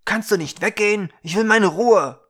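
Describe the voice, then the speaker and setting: A man voicing a selfish, quick-tempered young woodcutter who scolds and shouts. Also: fairly high pitch, voice pushed up. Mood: shouting.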